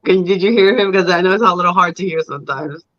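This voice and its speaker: Bright-voiced upbeat chat host. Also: male voice, sits high, fast talker, muffled recording. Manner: upbeat, laughs often, friendly reactions. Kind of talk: casual livestream chat.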